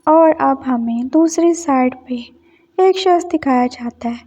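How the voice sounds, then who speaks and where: A woman narrating an emotional story softly, with a Pakistani Urdu accent. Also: high voice, unhurried. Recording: dull lo-fi sound.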